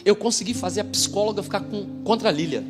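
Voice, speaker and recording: A man's voice: high-pitched, fast. A man, a pastor giving a dramatic testimony, acting out the voices of the people in his story. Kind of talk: testimony sermon. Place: church hall. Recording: church hall with long reverb and music behind.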